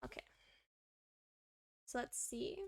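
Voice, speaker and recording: Speaking slowly in a slightly mellow voice, a livestreaming language learner reads lesson text aloud. She keeps upbeat, murmuring to herself while writing out examples.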